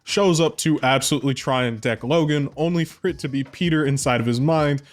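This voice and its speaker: A man's voice: medium pitch, brisk. A man giving casual commentary as a video reviewer, talking in a chatty way with offhand asides. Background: faint background music.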